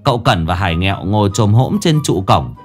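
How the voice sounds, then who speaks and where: A male storyteller narrates a comic ghost tale with a lively, animated voice that swings up and down in pitch. Soft music plays faintly behind him. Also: a little fast.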